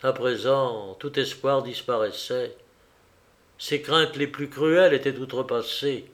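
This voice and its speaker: A man narrating a classic novel in a measured, steady reading voice. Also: medium pitch. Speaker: audiobook narrator.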